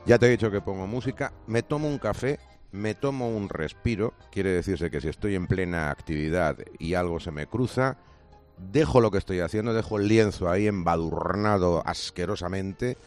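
A man chats on air as a radio co-host. His voice is very deep, and he talks in a relaxed, anecdotal way. Soft music sits in the background. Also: moderate pace. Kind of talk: casual radio chat. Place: radio studio.

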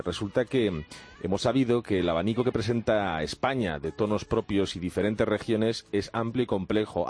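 Deep-voiced Basque Spanish radio host. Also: male voice, darkish tone. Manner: measured, posing questions. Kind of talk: radio interview.

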